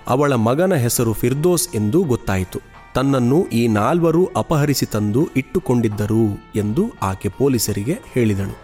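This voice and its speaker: A man narrating a true-crime podcast in a measured, steady storytelling voice. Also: medium pitch.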